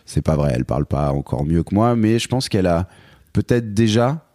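A man, a guest in a casual interview, talking haltingly with many fillers and restarts. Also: deep voice, lively intonation, dark tone, dry recording, clean studio sound. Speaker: guest, songwriter and performer.

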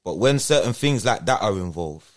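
Speaking at normal speed in a fairly low, animated voice, this interview guest has a London roadman accent and uses casual street slang. He often makes sure the listener is following, leaning on repeated checking tags.

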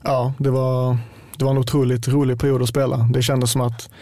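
Laid-back Scanian man with gravelly voice. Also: mid-range voice, no room sound. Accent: Scanian Swedish. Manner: relaxed, hesitant with many fillers. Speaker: football player guest. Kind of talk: casual podcast chat.

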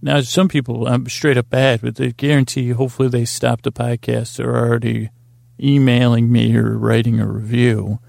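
A middle-aged man's sleep podcast monologue meanders toward bedtime in a flat, creaky, slightly mellow mid-range voice. Halting and dry in his whimsy, he puts himself down, pauses frequently and leaves digressions hanging, all in a dry, clean studio recording.

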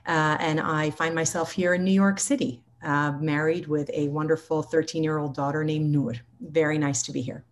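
Middle-aged woman panelist, gracious, very low voice. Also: flat delivery, normal speed, hardly any pauses, slight background noise. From Middle East. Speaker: panelist, marketing executive. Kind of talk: panel introduction.

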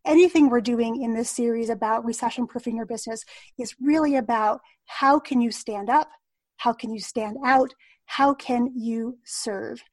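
Lady podcast host, higher voice, dry close mic, agreeing and building on points. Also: moderate pace, a little mellow, dry recording. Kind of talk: conversational interview.

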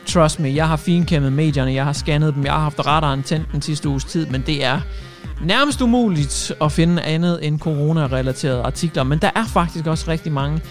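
A man's voice: a little high, faint music behind. A man hosting a radio show, delivering a cheeky, jokey news monologue and dropping English phrases into his talk.

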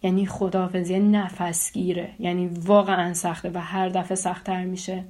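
A woman in her twenties from Iran, telling a personal story with frequent hesitations and pauses. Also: fairly low pitch, darkish tone. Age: 20s. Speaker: interviewee.

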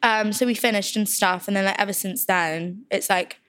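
A woman's voice: mid-range voice, fairly even intonation, normal speed, a bit bright, clean tone. A twenty-one-year-old woman, chatting casually and rambling with lots of fillers. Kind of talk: casual chat.

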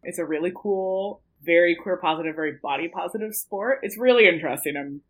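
A woman's voice: on the low side, a little fast, a bit bright, low-quality recording. A woman on a casual podcast, emphatic and wry as she talks things through.

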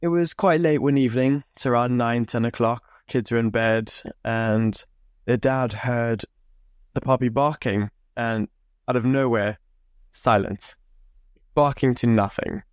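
In a casual storytelling monologue, a young podcast host from Zimbabwe rambles in a relaxed, chatty style, cursing freely close to the mic. He speaks unhurriedly at a medium pitch with fairly even intonation, and there's no echo.

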